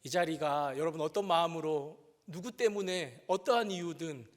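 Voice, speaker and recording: A male pastor preaching a sermon with animated storytelling, acting out the voices he quotes and joking at his own expense. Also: fairly high pitch, normal speed. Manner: self-deprecating humor. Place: church sanctuary. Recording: reverberant church hall.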